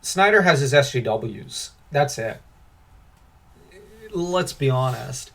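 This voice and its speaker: Animated sarcastic young man ranting. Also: medium pitch, slow pace. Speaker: podcast co-host. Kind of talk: casual podcast review chat.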